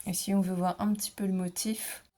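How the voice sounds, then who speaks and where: A middle-aged woman presents her craft haul in a relaxed, chatty way. She hesitates often and fills gaps with little fillers. Her voice sits at a medium pitch. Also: a little fast. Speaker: scrapbooking vlogger. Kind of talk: casual product haul.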